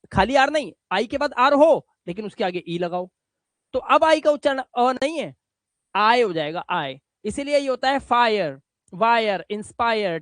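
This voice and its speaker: High-voiced patient English teacher. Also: male voice, no echo. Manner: patient, repeats words slowly with examples. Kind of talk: classroom lesson on reading rules.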